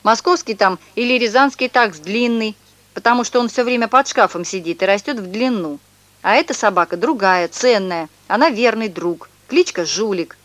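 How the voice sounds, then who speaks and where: A woman's voice: mid-range voice, moderate pace, fairly bright tone, no room sound, close to an everyday voice. A woman reading aloud and voicing a tall young male swindler who sobs, wails and talks in slang, in a storybook reading. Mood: sly. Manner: theatrical sobbing and wailing, slangy.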